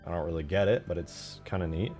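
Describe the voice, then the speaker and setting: Low, fast and a little mellow, this man's voice comes with faint music behind it. He's a game modder streaming his work, chatting casually and thinking aloud in informal, slangy fragments with some casual swearing.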